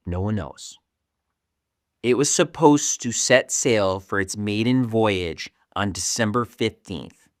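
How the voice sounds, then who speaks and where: In a relaxed podcast conversation, this young co-host wanders through his points, restarting sentences and swearing casually. He speaks slowly in a lowish voice, with clean studio audio and no echo.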